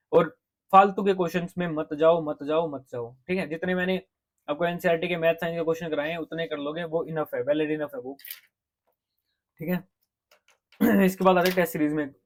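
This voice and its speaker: Fast-talking coaching teacher. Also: male voice, a little high. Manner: direct, repeats "ठीक है?" to check in. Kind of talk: casual advice lecture to students.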